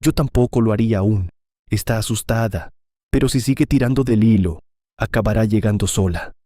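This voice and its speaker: A man's voice: fairly low pitch, moderate pace, warm tone, no room sound, clean studio sound, lightly acted. A man voicing a discreet, matter-of-fact male investigator in a storybook. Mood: cautious.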